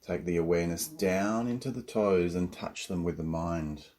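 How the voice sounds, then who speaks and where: A man with a low voice guides a yoga nidra relaxation. Calm and soothing, he lets long pauses stretch out between his instructions.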